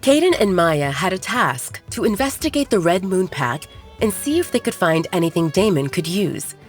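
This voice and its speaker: Over background music, a woman narrates a scripted romance audio drama as an audiobook storyteller. Her fairly low voice has a sing-song quality and a moderate pace.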